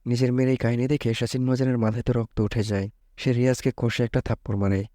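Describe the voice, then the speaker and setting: A man's voice: mid-range voice, little pitch movement, quick pace, mellow, dry recording, studio quality. A man casually retelling a thriller movie's plot as a recap narrator, chatty and dropping joking asides.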